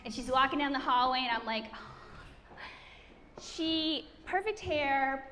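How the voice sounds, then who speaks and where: A woman's voice: sits high, lively intonation, a little fast, fairly bright tone. A middle-aged woman telling a chatty, self-deprecating story to an audience, laughing often. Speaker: speaker introducing the founder. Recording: hall reverb, faint room noise.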